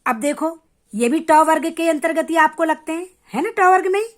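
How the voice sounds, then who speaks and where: A woman teaching a grammar lesson to children, patient and step by step, addressing them directly and sounding out letters slowly to show how they are said. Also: very high voice, expressive. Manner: repeats sounds slowly and clearly to demonstrate.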